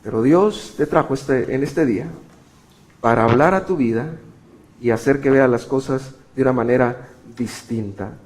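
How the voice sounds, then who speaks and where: A middle-aged man preaching a sermon, telling a personal story with sudden swings between loud emphasis and hushed passages. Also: medium pitch, normal speed. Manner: animated, shifting sharply between loud emphasis and quiet. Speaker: pastor.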